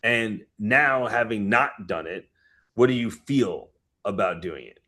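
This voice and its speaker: Man, fitness coach, lowish voice, emphatic, profane, motivational. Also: a little slow, sharp tone. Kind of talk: group coaching call.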